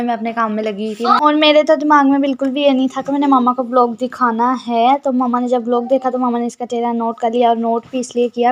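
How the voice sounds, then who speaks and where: A teenage girl narrating a casual home vlog, chatty and complaining about her sisters. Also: on the high side. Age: teens. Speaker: vlogger.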